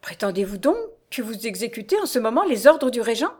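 A woman's voice: a little high, very animated, brisk, a little mellow, slightly rough. A woman voicing a young noblewoman under arrest, pleading and distraught. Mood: indignant.

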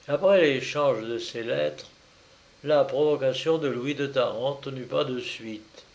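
A man narrating a historical novel in a measured, dramatic storytelling manner. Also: medium pitch, gravelly, darkish tone.

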